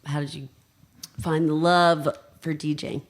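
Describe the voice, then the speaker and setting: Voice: medium pitch, flat delivery, measured pace. A podcast co-host asking questions, laughing along and reacting briefly in a casual interview.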